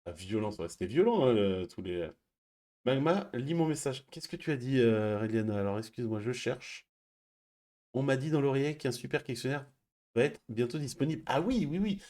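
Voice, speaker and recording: A man hosting a stream, chatting casually and reading viewer messages, speaking quietly and laughing often. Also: mid-range voice, expressive, moderate pace. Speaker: stream host.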